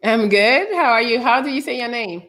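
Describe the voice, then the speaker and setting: A woman's voice: a little high, animated, moderate pace, fairly bright tone. A woman from Paris hosting a casual live-stream, chatting with callers and asking them lots of questions. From Paris, France. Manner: friendly, curious, asks lots of questions. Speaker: host.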